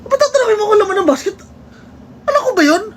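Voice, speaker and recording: A woman's voice: very high-pitched, expressive, fast, a little hiss or hum. A woman in a casual argument with her partner, answering defensively, swearing often and teasing back.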